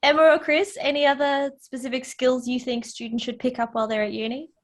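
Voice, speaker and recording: A woman's voice: sits high, little pitch movement, a little fast. A woman moderating a panel, upbeat and engaged as she puts questions to the guests.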